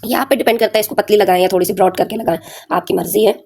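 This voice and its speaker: A woman with a mid-range, creaky, darkish voice and a breathy edge speaks at a racing, steady clip as she hosts a sewing tutorial. Suffering a sore throat, she clears it frequently while chatting viewers through each step and checking in with them often.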